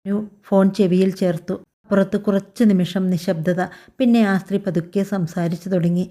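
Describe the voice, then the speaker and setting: A woman narrating a scripted family drama story in a calm, even storytelling voice. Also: medium pitch, moderate pace. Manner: calm, even storytelling voice that also reads all the characters' lines.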